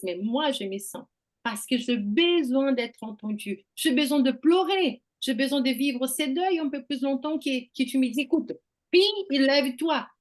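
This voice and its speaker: A woman hosting a group talk, explaining ideas through personal examples and checking in with "okay?". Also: a little high. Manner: explains with examples, asks "d'accord?". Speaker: workshop host. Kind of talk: conversational teaching.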